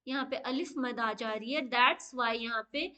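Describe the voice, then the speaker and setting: A woman's voice: a little high, bright, forceful tone. A woman teaching an online lesson on Quran recitation rules, explaining each step patiently and often saying okay. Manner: slow drawn-out chanted Arabic recitation.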